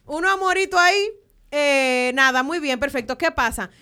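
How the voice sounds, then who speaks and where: A woman co-hosting a podcast, telling a personal story in an animated way and repeating herself for emphasis. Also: sits high, moderate pace. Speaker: podcast co-host. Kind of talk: casual chat, personal storytelling.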